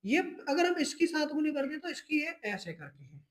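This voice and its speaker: High-voiced teacher walking through math steps. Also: sing-song, rough recording. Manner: addresses students as children, keeps checking in with "ठीक है"; repeats and restates each step slowly. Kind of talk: step-by-step board exam math lesson.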